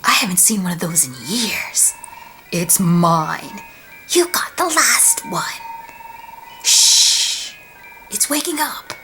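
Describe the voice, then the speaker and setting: A woman's voice: on the low side, very animated, slow pace, bright, forceful tone, soft background music, heavily acted. A woman voicing unseen creatures in a hole, speaking in a whispery voice as a whispered role-play. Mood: greedy.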